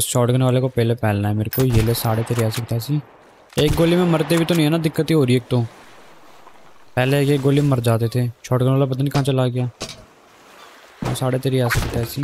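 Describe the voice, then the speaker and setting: A young man talks through his gameplay in an excitable rush, cursing at enemies and narrating every move. His voice sits at an ordinary middle pitch. Loud in-game gunfire and shots crackle behind him. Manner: excitable, swears at enemies, keeps up a running commentary. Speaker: gaming YouTuber. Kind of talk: live gameplay commentary.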